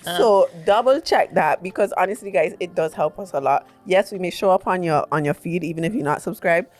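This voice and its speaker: A woman's voice: lowish voice, brisk. Chatty woman co-hosting a podcast. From Dutch Caribbean islands. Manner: chatty, animated, slangy. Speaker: podcast co-host. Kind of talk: casual podcast chat.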